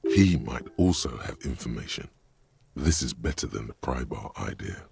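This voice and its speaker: A man's voice: rumbling low, expressive, moderate pace, creaky, darkish tone, slight background noise, full character voice. A man voicing the dry, wry inner narrator of a detective video game. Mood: measured.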